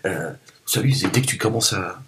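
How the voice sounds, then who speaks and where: A man with a Parisian accent talks straight to the camera from home in a loose, rambling vlog. His voice sits fairly low, and he keeps breaking off into joking, teasing asides. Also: moderate pace, background noise. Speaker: vlogger. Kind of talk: casual vlog monologue. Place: home, cold room.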